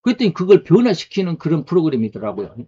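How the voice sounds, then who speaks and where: Higher-voiced man preaching a sermon. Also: big pitch swings, fast, dark tone, husky. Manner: conversational preaching with rhetorical questions. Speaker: pastor. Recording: dull lo-fi recording.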